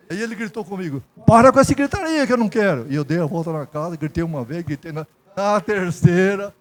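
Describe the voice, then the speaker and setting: An older man with a high, darkish voice preaches a folksy sermon in church, telling stories and repeating himself. He speaks with a Brazilian Portuguese accent.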